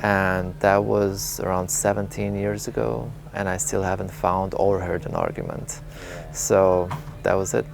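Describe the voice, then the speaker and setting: Man, 30s, from Lebanon; low gravelly voice; relaxed, candid interview storytelling. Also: measured pace, background noise. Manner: candid, reflective, with small laughs and fillers. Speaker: interviewee, vegan advocate.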